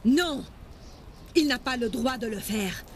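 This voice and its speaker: A harsh, high-voiced priest. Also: male voice, animated, slow pace, a little hiss or hum, heavily acted. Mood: stern. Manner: harsh, commanding. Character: stern pagan priest demanding punishment. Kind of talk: French dub of a historical series.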